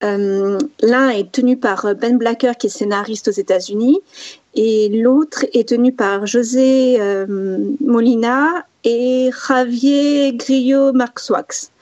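A woman's voice: a little high, fairly even intonation, takes it slowly, darkish tone, no echo, muffled recording. A woman chatting on a podcast panel, hesitant and full of fillers and restarts. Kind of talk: casual podcast chat.

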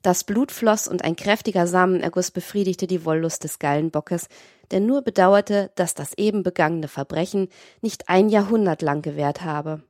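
A woman narrating a classic novel as an audiobook in a measured, literary manner. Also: fairly low pitch, darkish tone, no room sound, clean studio sound.

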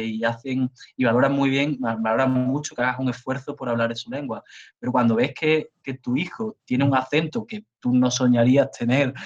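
A man from Spain, a university professor, talking emphatically as an interview guest and repeating words for stress. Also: medium pitch. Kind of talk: conversational interview. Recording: dull lo-fi audio.

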